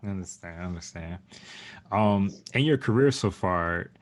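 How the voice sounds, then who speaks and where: A man's voice: sits low, expressive, normal speed. A man hosting a podcast, asking easygoing questions in casual chat. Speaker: podcast host.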